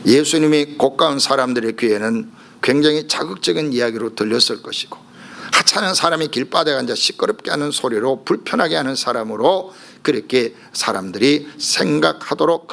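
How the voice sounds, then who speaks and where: A man's voice: fairly high pitch, vocal fry. A middle-aged man, preaching a sermon as a pastor and acting out the cries in his story. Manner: animated preaching, acts out the blind man's cries.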